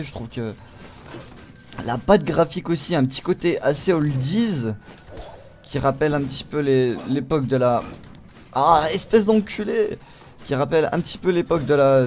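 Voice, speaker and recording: A man hosting a let's play video, giving casual gaming commentary, swearing freely and reacting loudly to the game. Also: mid-range voice.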